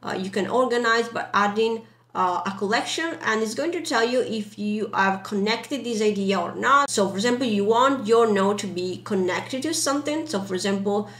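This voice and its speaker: A woman's voice: mid-range voice, expressive, normal speed, few pauses, a bit bright. Echoey non-native English-speaking woman presenting a walkthrough. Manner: informal, loosely phrased, step-by-step explaining. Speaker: tutorial presenter. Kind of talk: casual screen-recorded software walkthrough. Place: indoor room. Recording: roomy, echoey voice track.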